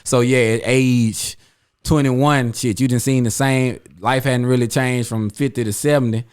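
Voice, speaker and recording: This podcast host is a man in his thirties whose mid-range voice sounds clear, resonant and slightly mellow, with fairly even intonation and a measured pace. He wanders loosely through a relaxed conversation with friends, leaning on slang and filler words.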